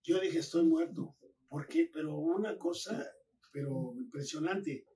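A man's voice: fairly high pitch, measured pace, distant mic, a little hiss or hum. Older Mexican man telling wrestling stories. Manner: animated anecdote telling with quoted dialogue. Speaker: retired wrestler guest. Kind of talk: casual storytelling.

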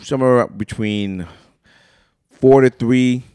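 A man's voice: medium pitch, fairly even intonation, slow pace, mellow, clear, resonant tone, no echo. A man co-hosting a casual sports podcast, talking straight to his listeners with hyped-up energy. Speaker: podcast co-host. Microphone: studio microphone.

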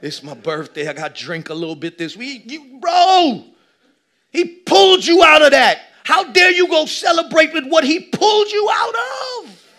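Bright-voiced pastor preaching with shouts. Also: male voice, normal speed. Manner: animated preaching, shifting between loud shouts and low asides; casual, joking and acting out little scenes. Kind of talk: sermon. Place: church stage with a seated audience.

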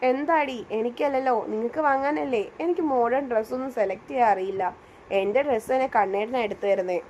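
A woman narrator voicing a timid young college girl who talks softly and hesitantly. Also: a little high, fast, dull audio, a little hiss or hum, natural voice. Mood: reluctant. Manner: soft, hesitant.

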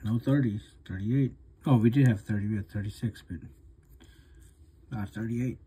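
A man with the hiccups casually narrating as he scratches lottery tickets, reading off the numbers one at a time in a low-key way. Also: moderate pace, mellow, breathy edge. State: has the hiccups.

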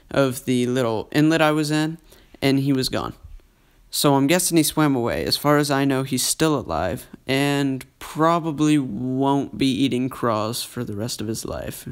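A man's voice: mid-range voice, clean tone. A man giving casual commentary on a fishing trip from a small boat, talking to viewers and to the fish. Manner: relaxed, talks to the fish and viewers. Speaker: fishing vlogger. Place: small boat on a lake, outdoors. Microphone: action camera on the boat.

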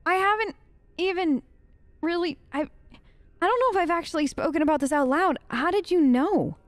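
A woman with an extremely high-pitched voice speaks close to the mic at a moderate pace, with no echo. She's a let's play gamer casually improvising role-play as her character, talking hesitantly and conversationally.

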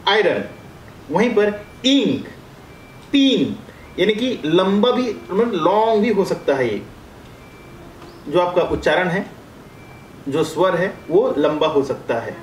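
A man's voice: high voice, expressive, unhurried, pauses often, reverberant, a little hiss or hum, rough recording. A man from India working as a career coach, giving a step-by-step English lesson and drawing out vowel sounds as he explains. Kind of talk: classroom-style lesson.

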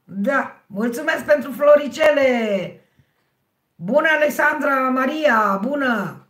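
A middle-aged woman with a hoarse, husky voice, hosting a livestream and chatting with her viewers by name. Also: sits high, animated, fairly bright tone. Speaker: livestream host. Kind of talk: casual livestream chat with viewers. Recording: roomy, echoey sound.

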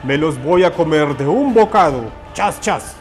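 A man voicing a big, greedy, hungry turtle in a storybook, speaking loudly. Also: fairly high pitch, lively intonation, unhurried, faint music behind.

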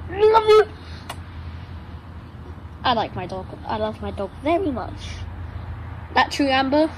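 Sitting on a patio chair outdoors, a nine-year-old young vlogger chats playfully and affectionately to a pet dog, rambling along. The voice is medium-pitched, lively, a bit bright and moderately paced, with noisy ambience around.

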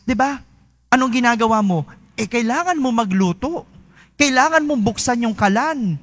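A man's voice: extremely high pitch, animated, moderate pace, a bit bright. A priest giving a homily in a chatty way, often checking in with his listeners. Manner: conversational, asks listeners "no?" often.

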